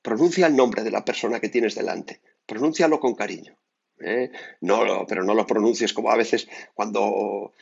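A man from Spain, a priest giving a spoken meditation in a conversational manner with frequent tag questions and lively asides. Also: lowish voice, moderate pace, gravelly, breathy edge, dull audio.

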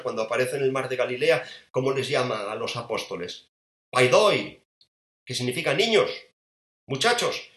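A man preaching a sermon, retelling a scene tenderly and swinging between soft and emphatic delivery. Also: mid-range voice, reverberant.

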